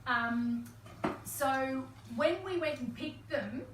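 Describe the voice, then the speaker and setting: A woman's voice: high-pitched, takes it slowly, echoey room, far from the mic, noisy background. Bubbly woman chatting while cooking. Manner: chatty, bubbly, laughs often. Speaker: cooking show co-host. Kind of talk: casual live-stream cooking chat. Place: home kitchen.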